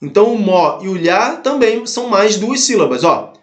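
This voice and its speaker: In a reverberant space, a man teaching Portuguese exam prep speaks at normal speed in a high, animated voice. His explanations go step by step, with repeated points and frequent check-ins with the class.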